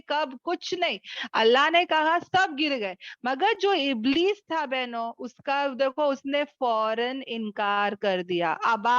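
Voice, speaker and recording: A woman's voice: high voice, no echo, highs cut off. A woman teaching a Quran class to sisters over a video call. She keeps asking questions and checks that her students follow. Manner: addresses listeners as sisters. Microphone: video call microphone.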